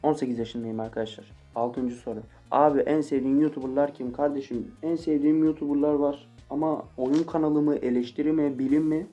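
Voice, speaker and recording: Young man, 18, casual Q&A vlog, fast, swearing jokes, soft guitar music behind. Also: a little high, fairly even intonation, highs cut off. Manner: joking, swearing, mock-angry outbursts. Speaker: YouTuber answering viewer questions.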